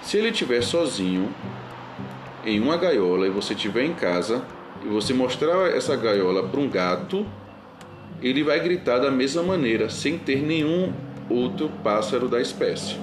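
A man's voice: medium pitch, animated, moderate pace, roomy sound, over music. A man teaching an online lecture in a patient, reassuring manner and answering students' questions.

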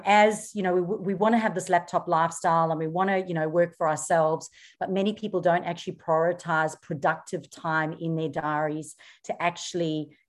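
A woman's voice: on the low side, darkish tone. A middle-aged woman from South Africa whose accent is blended with Australian, answering interview questions in an earnest, explanatory way with frequent ums. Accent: South African mixed with Australian. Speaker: podcast guest, social media coach.

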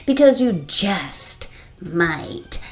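A woman voicing a stern, sly male genie who speaks in slow, drawn-out warnings. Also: medium pitch, big pitch swings, reverberant. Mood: ominous.

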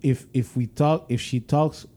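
A man's voice: medium pitch, fairly even intonation, unhurried, mellow. A man giving his view in a casual discussion, mixing French and English.

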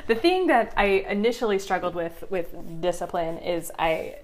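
A woman's voice: fairly low pitch, lively intonation. A woman in her thirties co-hosting a parenting podcast, chatting casually and laughing often. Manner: laughs often, quick back-channel replies. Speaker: podcast co-host. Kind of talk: casual chat.

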